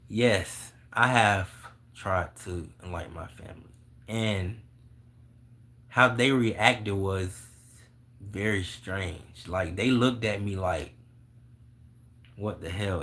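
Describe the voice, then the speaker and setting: A man's voice: on the low side, slow pace, fairly bright tone. A young man talking casually and bluntly about spirituality to viewers, swearing freely and laughing often. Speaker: vlogger answering viewer questions.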